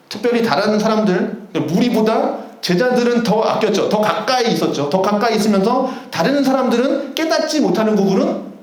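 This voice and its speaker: Animated high-pitched male pastor, echoey hall. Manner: animated, rhetorical questions to the congregation. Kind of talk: sermon. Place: church sanctuary.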